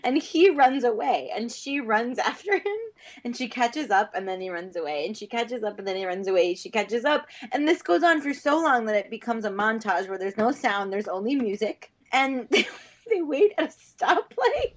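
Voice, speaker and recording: A high-pitched woman chatting casually about a film, giggling and laughing between her lines as she tells the story. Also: expressive, moderate pace. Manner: giggly, keeps breaking into laughter. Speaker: podcast co-host. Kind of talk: casual movie chat.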